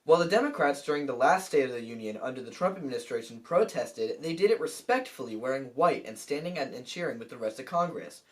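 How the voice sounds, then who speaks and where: A man's voice: mid-range voice, expressive, fast, few pauses. A young man anchoring a scripted student news show, with a wry, lightly joking delivery.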